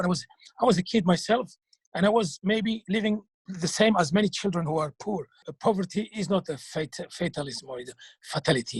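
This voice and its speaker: Husky man, halting and earnest. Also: fairly high pitch, no room sound. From Algeria. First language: French. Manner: earnest, halting, repeats words while searching for them. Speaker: clown and children's TV performer. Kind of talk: interview answers.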